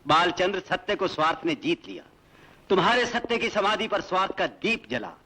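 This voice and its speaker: A gloating corrupt police officer. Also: male voice, sits high, big pitch swings, moderate pace, pushed and bright, breathy edge, exaggerated voice, poor audio. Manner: gloating, taunting, theatrical. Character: smug corrupt crime-branch police officer. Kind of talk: Hindi-dubbed film acting.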